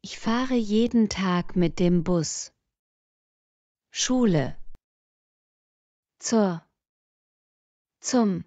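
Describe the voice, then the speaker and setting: A woman slowly reading short sentence parts and single words aloud for language learners. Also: mid-range voice, mellow, no room sound. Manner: reads single words and short fragments one by one.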